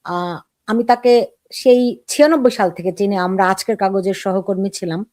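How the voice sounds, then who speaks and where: A woman's voice: medium pitch, normal speed, darkish tone, no room sound. A middle-aged woman hosting a political talk show, asking probing questions in a conversational way.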